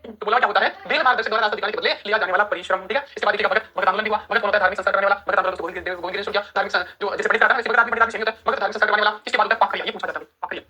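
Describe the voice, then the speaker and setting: A woman's voice: medium pitch, fairly even intonation, racing, pushed and bright, husky. A woman teacher giving an exam-prep lecture who quizzes her students and repeats key terms. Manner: repetitive, quizzing, addresses students as friends.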